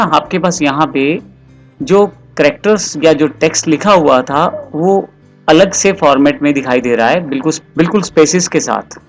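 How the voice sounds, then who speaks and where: A male computer tutor talks through a software lesson, explaining each step patiently. His voice sits a little high. Faint music plays underneath.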